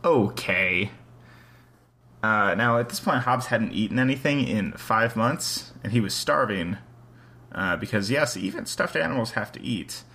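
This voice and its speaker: A man's voice: on the low side, expressive, unhurried, pushed and bright. A man co-hosting a casual chat, reading a story aloud and talking it over in a rambling, self-questioning way.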